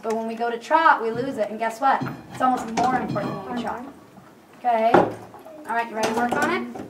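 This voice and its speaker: A high-voiced woman, a horse riding instructor, calls out brisk commands during a live riding lesson. She's firm and instructive, checking understanding with questions. The mic is distant in a large, echoey arena, and background noise can be heard.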